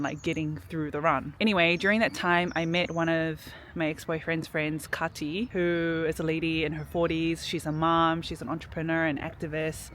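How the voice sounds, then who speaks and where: Sitting outdoors in a city park with distant traffic, a New Zealand vlogger with a low voice reflects casually on her personal story, talking in a chatty way full of "like" fillers.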